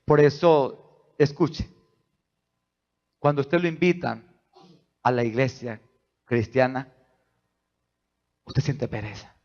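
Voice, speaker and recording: A male pastor preaching a sermon, asking the congregation rhetorical questions and swinging between soft asides and loud, rising emphasis. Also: medium pitch, steady tone, slow pace, pauses often. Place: church. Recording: dull lo-fi church recording.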